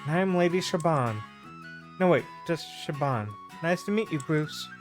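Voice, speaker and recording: Man doing a courteous young bard lady, eager, bright, polite. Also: a little high, lively intonation, moderate pace, faint music behind, lightly acted. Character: polite female bard, cheerful pacifist.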